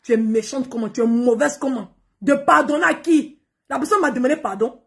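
High-pitched and creaky, her voice comes out brisk as this social media personality rants angrily into the camera. She confronts and scolds her followers, repeating herself often.

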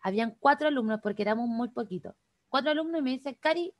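Fast-talking Chilean woman teaching online. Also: on the high side, no room sound, studio quality. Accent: Chilean Spanish. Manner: fast, chatty, addresses participants directly. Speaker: workshop instructor. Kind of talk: online class talk. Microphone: video call.

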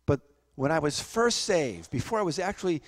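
A man's voice: a little high, sing-song, moderate pace. A man preaching a sermon as pastor, telling a personal testimony and acting out the voices of people in his story. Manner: storytelling, acts out voices, repeats words.

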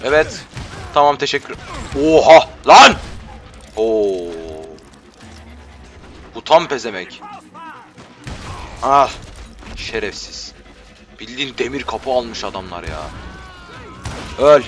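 A man casually commenting while he plays a video game, loud and joking, scolding enemies, on a headset mic. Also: mid-range voice, very animated, takes it slowly, long pauses. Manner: rowdy, swears at enemies, joking. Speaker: gameplay commentator. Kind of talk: casual let's play commentary. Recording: voice over game audio and music.

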